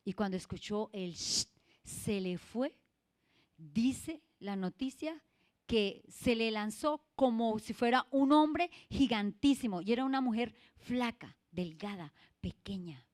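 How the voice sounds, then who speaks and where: A woman's voice: medium pitch, slow, darkish tone. A woman church leader preaching a sermon, emphatic and putting questions to her congregation.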